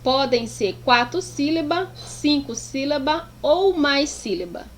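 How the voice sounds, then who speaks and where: A woman teacher gives a slow, deliberate classroom explanation to her pupils, affectionately sounding out words syllable by syllable. Her voice is high-pitched with lively intonation, she takes her time, and there's slight background noise.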